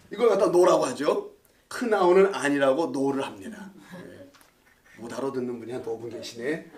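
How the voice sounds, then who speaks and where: A male pastor leads a Bible study in a church classroom, playfully quizzing his listeners and laughing often. His mid-range voice is expressive and darkish, at normal speed.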